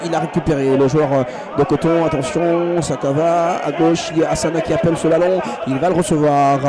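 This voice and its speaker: Excited high-pitched male football commentator. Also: heavy background noise. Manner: bursts into drawn-out shouts and repeats his phrases. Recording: loud stadium crowd behind. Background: football crowd.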